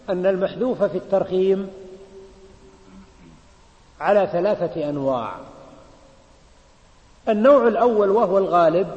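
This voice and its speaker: High-voiced teacher in an echoey hall. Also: male voice, a little mellow. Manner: slow, emphatic, repeats key words and checks understanding. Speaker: grammar teacher. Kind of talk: classroom lesson on Arabic grammar. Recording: echoey hall, dull lo-fi sound.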